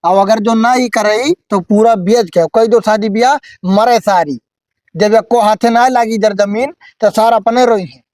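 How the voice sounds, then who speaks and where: A man's voice: sits high, unhurried, darkish tone, no room sound. A man playing a blunt, bossy village headman who hands out advice in an Awadhi accent in an amateur comedy sketch. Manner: blunt, advising.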